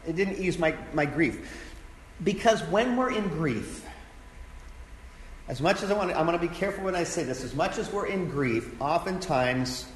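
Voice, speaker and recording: A man's voice: fairly high pitch, moderate pace. A man, a pastor, teaching a sermon in an earnest, conversational way, repeating his key phrases. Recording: echoey hall with faint background noise.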